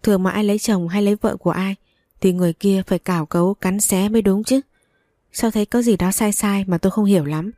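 A woman narrating a first-person audio story in a plain, steady way. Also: medium pitch, fast, no room sound, clean studio sound.

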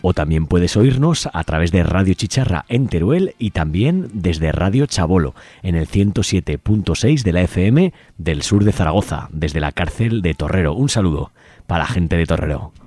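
Hosting a live community radio show in a radio studio, a man with a Spanish accent from Spain chats informally. He talks at normal speed in a low, animated, darkish voice. The dry recording has music running under his voice.

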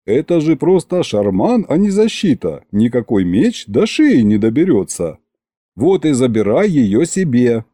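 A man's voice: mid-range voice, big pitch swings, unhurried, dark tone, no echo, studio quality. A man voicing a courteous, musing French ambassador in an audiobook. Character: suave pensive male French ambassador. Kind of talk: audiobook character voice.

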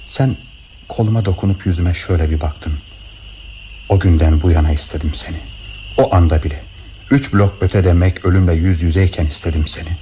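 Actor playing gentle widower in a radio drama, deep voice, mellow tone, slow tender confession. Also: male voice, slight background noise, lightly acted. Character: devoted widowed man confessing long love. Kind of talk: broadcast radio drama acting.

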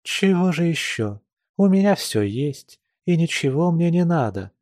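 A man reading a classic novel aloud, voicing a calm, composed young noblewoman with mild, lightly ironic speech. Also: fairly high pitch, measured pace, no echo, studio quality, pitched above the performer's own voice.

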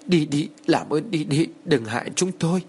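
A man's voice: moderate pace, a little mellow, a little hiss or hum, close to an everyday voice. A man voicing a terrified young wife haunted by a ghost, pleading in a raised, panicked voice. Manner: pleading, panicked, high-pitched.

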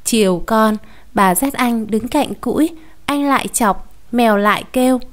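A woman's voice: on the high side, unhurried. Woman reading a short story aloud. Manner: calm, even narration with acted dialogue.

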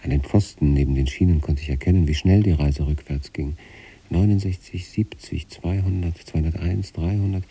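An actor with an extremely low, warm voice with a breathy edge plays a troubled, detached sanatorium patient in a radio play. In an exaggerated voice, he recites letters to his wife as a measured, brooding monologue.

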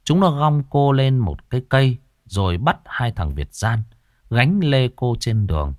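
Male ghost-story narrator, lowish voice with a lively melody, dry close sound. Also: measured pace, no room sound. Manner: dramatic, expressive.

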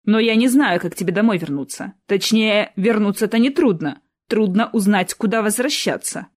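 A woman voicing a handsome man of about thirty with a dry, ironic and unhurried manner, in an audiobook. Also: medium pitch, a little mellow, lightly acted. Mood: musing.

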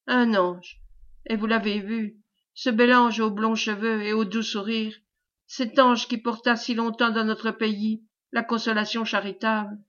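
Brief: woman voicing a humble, fervent peasant man recounting a tragedy, higher pitch, dull lo-fi recording. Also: level tone, measured pace, fairly bright tone. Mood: earnest.

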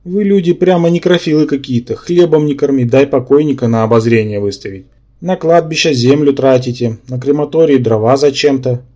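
A man's voice: medium pitch, mellow, close to an everyday voice. A man voicing a male brain-polyp symbiont who lectures and argues, in an audiobook. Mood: lecturing. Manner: lecturing, quick to take offence.

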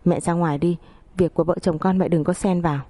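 A protective young husband speaks firmly and earnestly , as a woman storyteller gives him voice. Low, mellow and close, with a dry sound. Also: steady tone, fast, dry recording, lightly acted. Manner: earnest, firm.

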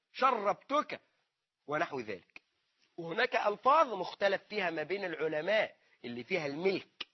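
Husky high-voiced Egyptian man teaching. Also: dull audio. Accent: Egyptian Arabic. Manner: asks rhetorical questions and answers them himself. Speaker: Islamic scholar teaching. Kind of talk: religious lesson.

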